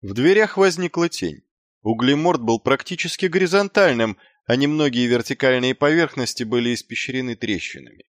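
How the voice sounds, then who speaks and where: Lively male audiobook narrator. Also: mid-range voice, normal speed, dry recording, studio quality. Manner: lively, theatrical reading. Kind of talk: expressive fantasy audiobook narration.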